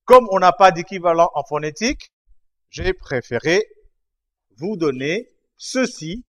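A man teaching a writing lesson, slowly explaining each stroke, repeating himself and checking that his students follow. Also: high-pitched, animated, a bit bright. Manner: patient, repeats and checks understanding. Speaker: language teacher. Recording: dull lo-fi recording.

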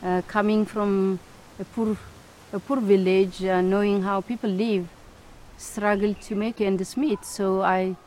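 A middle-aged woman scientist from Ethiopia, answering interview questions thoughtfully with many pauses, fillers and restarts. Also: medium pitch, level tone, a little mellow, slight background noise. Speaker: scientist and institute director.

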